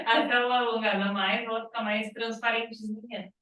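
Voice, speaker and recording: A woman's voice: a little high, little pitch movement, unhurried, a bit bright. A female biology teacher lecturing a class, explaining step by step and checking in with "tá?". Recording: echoey classroom, far from mic.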